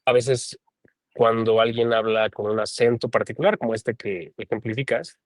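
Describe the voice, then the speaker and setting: A man with a Mexican accent, speaking as an interview guest in a relaxed, thoughtful way and often adding a questioning tag. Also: medium pitch, normal speed, no echo. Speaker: translator and guest. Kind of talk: casual conversation.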